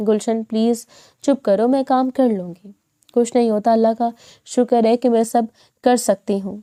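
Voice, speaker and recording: A woman voicing a gentle, hardworking young woman who speaks softly. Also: fairly high pitch, fairly even intonation, dry recording, clean studio sound, close to an everyday voice. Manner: soft, hurried.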